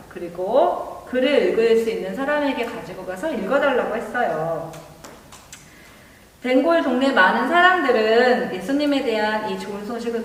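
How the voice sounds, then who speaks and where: A Sunday school teacher with a fairly high voice tells children a missionary story, narrating in an explanatory way. The microphone is distant in a very echoey hall, and there's a little hiss or hum.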